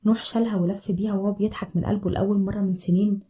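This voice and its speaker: A woman with an Egyptian accent narrating a scripted story in an even, rapid storytelling manner. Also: mid-range voice. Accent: Egyptian Arabic.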